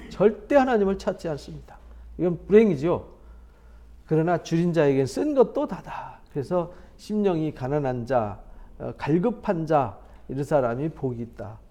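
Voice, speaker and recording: A middle-aged South Korean pastor leads a Bible study in a slightly high voice. He is chatty and animated, tossing out rhetorical questions.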